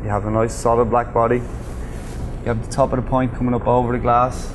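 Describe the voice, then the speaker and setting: A Dublin-accented man talks through a bartending technique in an informal, unhurried way, proud of the craft. His mid-pitched voice sits in clearly audible ambient noise. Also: flat delivery. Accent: Dublin Irish. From Ireland. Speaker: bartender demonstrating a pour. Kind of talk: informal spoken tutorial.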